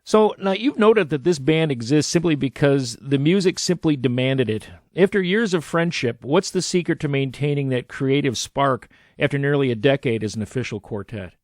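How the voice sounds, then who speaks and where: A man's voice: medium pitch, normal speed, few pauses, no echo, studio quality. A man hosting a radio interview, upbeat with short friendly interjections. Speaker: radio host.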